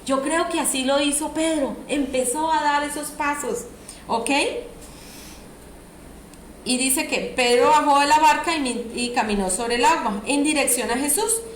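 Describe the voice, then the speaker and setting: A woman's voice: sits high, a little slow. A woman preacher, delivering a sermon and often asking the audience questions. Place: church hall. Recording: echoey church room, faint noise.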